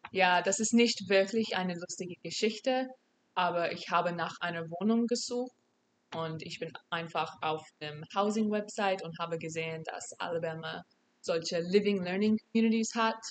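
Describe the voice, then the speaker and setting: A woman's voice: on the low side, normal speed, slight background noise. Young American woman speaking learner's German. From United States. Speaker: podcast guest. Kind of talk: casual interview answers.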